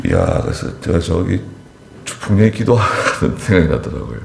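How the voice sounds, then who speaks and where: A pastor delivering a Wednesday service sermon, telling stories with emphatic rises and quiet asides. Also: male voice, brisk, creaky, slight background noise. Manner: animated storytelling, voice rising sharply for emphasis and falling low for asides. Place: church sanctuary. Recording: echoey church hall.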